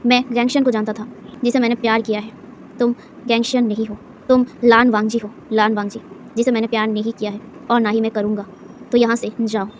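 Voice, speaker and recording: A woman voicing a hurt young man who coldly rejects his lover, speaking low and curt. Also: little pitch movement, fairly quick, slight background noise, close to an everyday voice. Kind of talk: storybook reading.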